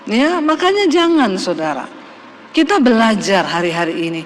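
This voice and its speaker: A woman pastor preaching a sermon, addressing her listeners directly and emphatically, sometimes raising her voice to a shout. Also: a little high, sing-song, moderate pace, slight background noise. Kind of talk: sermon to a congregation. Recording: long hall reverb.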